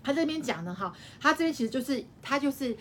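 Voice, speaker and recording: A woman teaching a live-streamed Bible study, explaining by repeating her phrases and tagging sentences with a soft "ha". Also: high-pitched, animated, fast talker, slight background noise.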